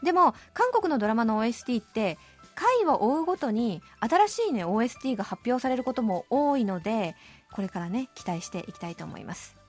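A woman's voice: a little high, fairly quick, soft background music. Cheerful woman radio host in her late 30s. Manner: cheerful, animated, laughing often. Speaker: radio host reading listener letters. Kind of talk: radio letter-reading chat. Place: radio studio.

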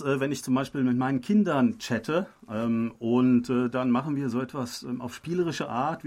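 A man co-hosting a radio program, explaining in conversation and often pausing on filler sounds. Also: mid-range voice, darkish tone. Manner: hesitant, many filler sounds.

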